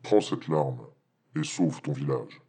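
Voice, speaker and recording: A huge majestic phoenix. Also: female voice, a bass voice, expressive, slow pace, gravelly, dark tone, husky, pitched below the performer's own voice, exaggerated voice. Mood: solemn. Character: giant majestic phoenix, deep and weary. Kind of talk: storybook narration.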